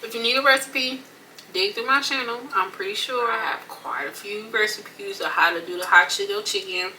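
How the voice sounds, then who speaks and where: A woman's voice: medium pitch, normal speed, sharp tone, far from the mic, a little hiss or hum, poor audio. An American woman talks casually and colloquially in a mukbang, eating crunchy fried chicken between and during her phrases. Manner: folksy, colloquial, repeats phrases for emphasis. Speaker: mukbang vlogger.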